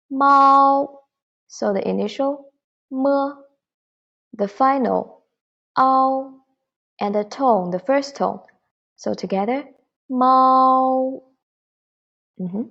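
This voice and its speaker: A woman's voice: mid-range voice, gravelly, dull audio. A woman teaching a beginner Mandarin lesson online, patiently modelling syllables and repeating them for learners to copy.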